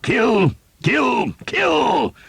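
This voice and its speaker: A man's voice: very high-pitched, huge pitch swings, drawn-out words, creaky, fairly bright tone, breathy edge, dry recording, voice pushed up, full character voice. A man voicing a furious, battle-hardened Earl who bellows war cries at his men. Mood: bellowing.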